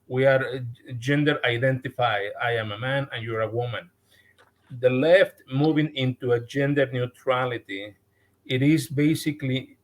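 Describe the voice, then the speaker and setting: A man with a Mexican accent, a guest on a podcast, speaking earnestly and haltingly, often repeating words as he restarts. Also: medium pitch. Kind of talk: podcast interview.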